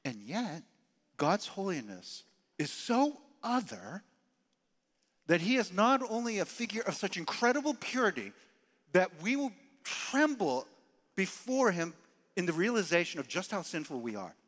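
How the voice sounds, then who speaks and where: A man preaching a sermon as pastor, emphatic and animated, sometimes dropping his voice very low and soft. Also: a little slow, big-room sound. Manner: animated, emphatic preaching with dramatic drops to quiet.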